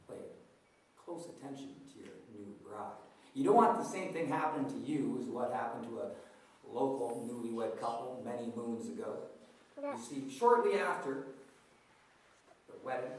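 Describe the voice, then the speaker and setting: Male actor as droll old ghost host, live theatrical storytelling, mid pitch, distant and echoey with background noise. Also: close to an everyday voice. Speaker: host of a ghost walk show. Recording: echoey, distant, noisy live performance recording.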